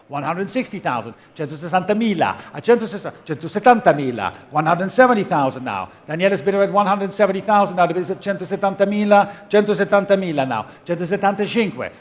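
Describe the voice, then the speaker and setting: A man working as an auctioneer, calling bids in a repetitive chant at a live auction and switching between languages. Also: high-pitched. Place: auction room.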